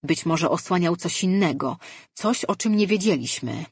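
A woman's voice: fairly low pitch, animated, normal speed, breathy edge, no echo, studio quality. A woman doing Juran, a commanding sorcerer leader. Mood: triumphant.

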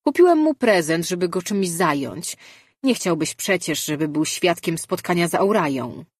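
A woman's voice: on the low side, animated, normal speed, husky, no room sound, studio quality. A woman reading a glib, teasing male spirit who shares a man's mind, speaking in an offhand way.

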